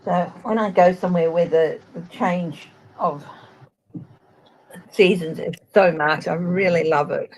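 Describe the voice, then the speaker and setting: Husky Australian woman reading tarot. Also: on the low side, steady tone, a little slow, low-quality recording. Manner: gentle, chatty, addresses viewers by name. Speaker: tarot reader. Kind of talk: live-stream tarot reading.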